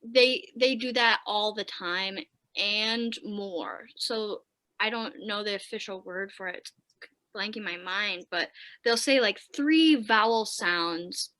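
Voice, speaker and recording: A woman's voice: mid-range voice, sharp tone. A young woman with a Wisconsin accent, chatting as a podcast guest and filling her talk with "like". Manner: chatty, lots of "like" fillers. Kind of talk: casual interview chat.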